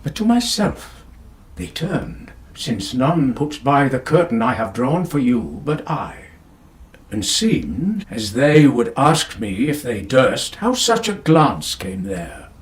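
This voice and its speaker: An actor playing a possessive, controlling aristocratic duke in a dramatic poetry reading, with a slow, measured, brooding delivery. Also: male voice, mid-range voice, big pitch swings. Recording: clip with faint music behind.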